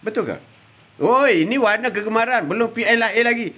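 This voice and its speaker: A live-stream host reading viewer comments, this older man has a Malaysian Malay accent and a high voice that's fairly quick, pushed and bright. He greets viewers by name in casual chat and teases them with laughs.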